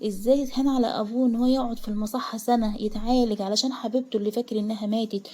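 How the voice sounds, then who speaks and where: A woman's voice: a little high, fairly even intonation, racing, mellow. A woman with an Egyptian accent reading a dramatic romance story aloud. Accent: Egyptian Arabic.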